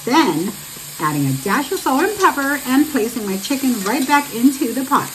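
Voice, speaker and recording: Woman from Guam, high animated cooking narration. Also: moderate pace, a little hiss or hum, low-quality recording. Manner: chatty, instructional, addressing viewers directly. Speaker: home cooking show host. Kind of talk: recipe voice-over narration.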